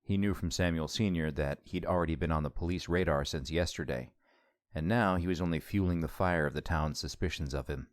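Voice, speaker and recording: A man narrating an audiobook in a steady, measured reading. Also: rumbling low, no room sound, clean studio sound.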